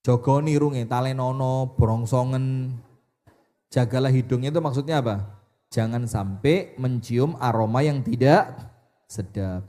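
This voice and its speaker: A man preaching a sermon, animated, asking the audience questions and answering them himself. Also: mid-range voice, unhurried.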